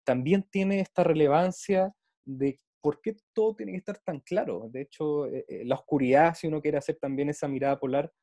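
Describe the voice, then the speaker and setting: A man's voice: a little high, moderate pace, mellow, no echo. A man in reflective casual conversation, speaking earnestly and at length, often doubling small linking words as he builds his thought.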